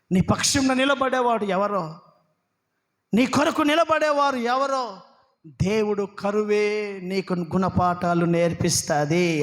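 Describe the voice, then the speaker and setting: A man preaching an impassioned church sermon as pastor, calling out to the congregation. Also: sits high. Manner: impassioned preaching, calls out hallelujah. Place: church hall. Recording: long church hall reverb.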